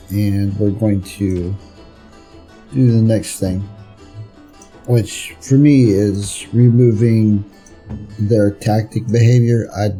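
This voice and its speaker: A gameplay streamer and reviewer talks casually as he plays, rambling and thinking out loud in a fairly low, dark-toned voice. Video game music runs behind him.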